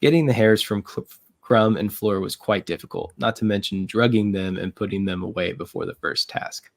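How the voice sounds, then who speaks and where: A man narrating a fan story read-through in an even reading manner, with occasional slips. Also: on the low side, moderate pace, gravelly, no echo.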